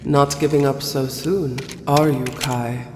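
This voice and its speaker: A woman's voice: very deep voice, fairly even intonation, slow, noisy background. A woman playing a regal, coolly manipulative ice queen in an audio play, poised and grandly condescending. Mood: coaxing, commanding. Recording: long hall reverb, music underneath.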